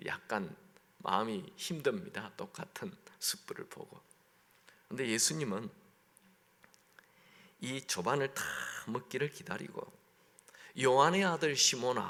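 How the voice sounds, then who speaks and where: A man's voice: medium pitch, very animated, a little slow, pauses often, fairly bright tone. A man, a pastor, preaching a sermon in a church sanctuary, talking in a conversational way and asking the congregation questions. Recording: long echo of a large hall.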